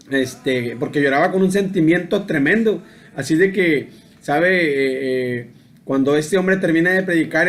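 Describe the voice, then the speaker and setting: A man giving a daily devotional sermon, telling a story in an unhurried, halting way, full of fillers and repeated tag questions. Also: fairly high pitch. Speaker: preacher.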